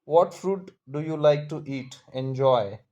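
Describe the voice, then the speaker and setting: A father with an Indian Marathi accent, chatting casually at home in a hesitant, halting, questioning way. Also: on the high side, mellow, lo-fi sound.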